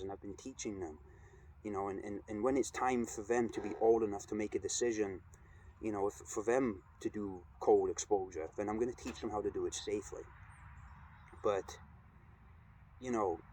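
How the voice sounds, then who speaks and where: A middle-aged man talking casually and reflectively in a vlog, with an earnest, measured, halting delivery. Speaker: cold exposure vlogger. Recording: steady background noise, ambient rumble.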